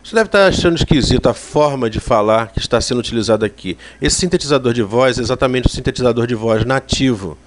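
Brazilian man explaining software, medium pitch. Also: quick pace, few pauses, a little hiss or hum. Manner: explanatory, conversational. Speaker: software instructor. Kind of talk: spoken software tutorial.

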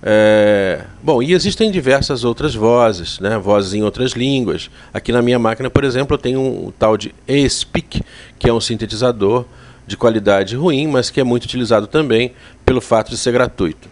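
A man with a Brazilian accent giving a spoken software tutorial in a conversational, explanatory way. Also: mid-range voice, normal speed. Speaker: software instructor.

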